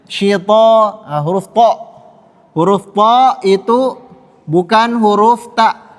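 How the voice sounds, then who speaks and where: A high-pitched man teaches Quran recitation at an unhurried, deliberate pace. He patiently repeats each sound for his students to echo. His voice rings with the long reverb of a large hall. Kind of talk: classroom tajwid lesson.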